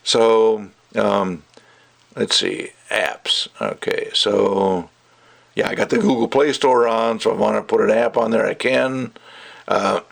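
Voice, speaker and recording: A gadget reviewer with a lowish, gravelly voice gives a casual, rambling product review. He is opinionated and emphatic, adding conversational asides along the way.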